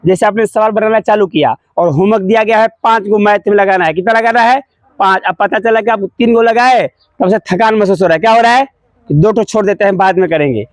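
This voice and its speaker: A man's voice: high voice, brisk, no room sound. A man teaching at a school prayer assembly. He leads call-and-response, repeats key words, asks questions and answers them himself, and mixes English phrases into his explanations. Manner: repeats key words, calls pupils "babu". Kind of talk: leading a morning school assembly lesson.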